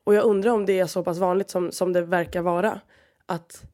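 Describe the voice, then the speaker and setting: A woman's voice: fairly low pitch, fairly even intonation, mellow. Young female podcast host in her 20s, casual solo monologue, blunt, exasperated, profane, lots of restarts. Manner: frank and exasperated, swears often, many restarts.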